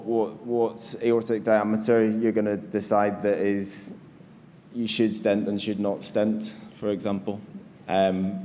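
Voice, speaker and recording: A low, flat-voiced man fields conference questions, hesitating and restarting often. His dark tone echoes in a big hall with a faint hum behind. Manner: hesitant, many ums and restarts. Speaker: conference presenter answering questions. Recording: long reverb of a hall, faint noise.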